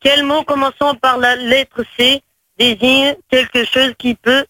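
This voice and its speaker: A man from Portugal with a very high, bright voice, reading slowly. He stumbles and restarts over every phrase. The sound is dry and close. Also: flat delivery, no echo, rough recording. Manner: stumbling, halting reading aloud. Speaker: studio guest reading a riddle.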